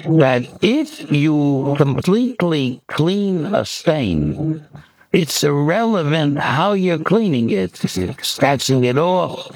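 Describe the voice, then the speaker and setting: A man teaching a religious law lesson, explaining in quick bursts and often restarting his words. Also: on the high side, darkish tone, dry recording, poor audio. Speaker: Torah teacher. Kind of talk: halachic lecture.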